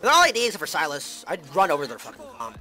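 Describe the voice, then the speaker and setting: A male live game streamer talking to his chat while he plays, profane and quick to burst into shouting. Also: a little high, huge pitch swings, faint music behind. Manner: loud, profane, erupts into shouting. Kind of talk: gaming livestream talk.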